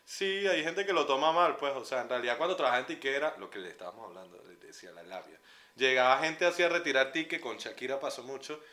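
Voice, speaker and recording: A man's voice: medium pitch, lively intonation, quick pace, sharp tone. A Venezuelan man co-hosting a podcast, joking and playful, putting on voices in his stories. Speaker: podcast co-host. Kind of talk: casual chat.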